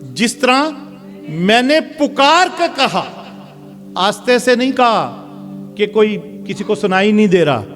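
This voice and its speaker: A pastor, a man, preaching a sermon loudly and forcefully in a church. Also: high voice, very animated, pauses often. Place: church hall. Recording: reverberant church hall with music behind.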